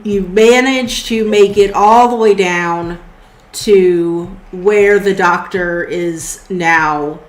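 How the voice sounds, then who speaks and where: A woman runs a tabletop game in a relaxed, unhurried way, drawling through her scene descriptions with plenty of filler words. Her voice sits a little low for a woman. The room around her gives an echoey ring. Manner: casual, hesitant, many fillers. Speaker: game master.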